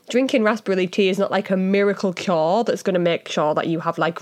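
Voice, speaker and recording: A woman with a Hull accent talking casually as a podcast host, explaining things in a chatty, informal way with frequent asides. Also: mid-range voice.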